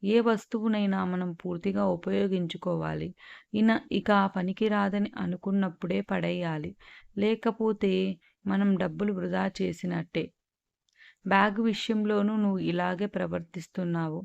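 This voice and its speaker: A woman's voice: mid-range voice, normal speed, gravelly, no room sound, lo-fi sound. A woman reading as a patient, coaxing mother. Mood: instructive. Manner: calm, lecturing.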